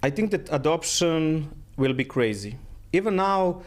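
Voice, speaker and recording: A man's voice: fairly high pitch, lively intonation, a little slow. A middle-aged man from Croatia, a guest in a casual interview, speaking in phrasing and often repeating his words.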